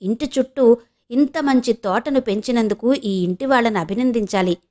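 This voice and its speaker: A woman from Andhra Pradesh narrating an audio novel in a steady storytelling way. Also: a little high, moderate pace. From Andhra Pradesh, India.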